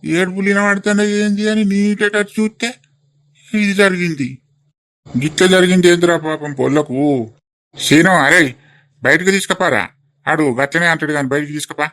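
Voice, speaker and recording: A man's voice: sits high, fairly even intonation, normal speed, pauses often, a bit bright, no room sound. A man voicing a fretful old village grandpa. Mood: concerned. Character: elderly village grandfather, concerned and advising. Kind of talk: cartoon voice acting.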